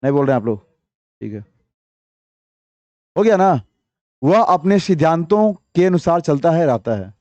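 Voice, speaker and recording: High-voiced man teaching grammar. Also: very animated, a little mellow, no room sound, dull audio. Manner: coaxing, quizzing students with repeated questions; reads English sentences slowly, then explains briskly. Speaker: English teacher. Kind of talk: classroom grammar lesson.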